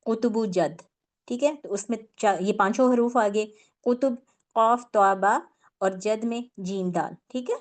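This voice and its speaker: A woman's voice: fairly high pitch, darkish tone. A woman teaching a tajweed lesson on Quran recitation, explaining patiently step by step with many fillers and English words mixed in.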